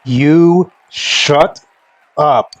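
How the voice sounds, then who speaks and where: Sardonic, higher-voiced man streaming a game. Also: very slow, a little hiss or hum. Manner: sardonic, exasperated, swears freely. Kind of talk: casual commentary over gameplay.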